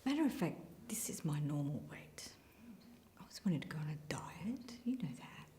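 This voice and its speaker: An actress playing a weary, resigned middle-aged mother in prison, speaking in a hushed, whispery voice. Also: sits low, sing-song, moderate pace. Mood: wry. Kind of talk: drama acting. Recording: echoey room.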